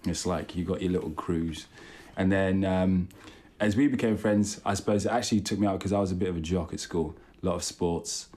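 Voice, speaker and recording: Speaking fairly quickly in a low, warm voice with fairly even intonation, this young British podcast co-host shares personal stories in a relaxed, informal, self-mocking style. He was born in London and raised between Italy and England.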